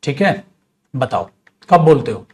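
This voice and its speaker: A man teaching spoken English and explaining in Hindi, patient and encouraging with his students. His voice sits at an ordinary middle pitch. He mixes English example sentences into his explanations. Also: big pitch swings, measured pace, dark tone.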